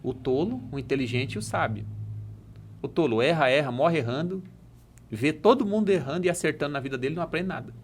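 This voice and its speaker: A man's voice: on the high side, lively intonation, fast talker. A man with a Brazilian Portuguese accent, a coach and speaker, talking in a podcast and telling parables emphatically. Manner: emphatic, preachy, tells parables. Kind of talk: casual chat with storytelling.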